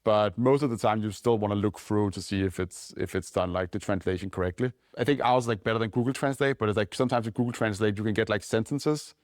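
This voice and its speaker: In clean studio sound with no room echo, a fairly low-pitched man with a Danish accent talks as a company founder in an informal podcast interview. He's quick and loose, constantly dropping "like" and "right?".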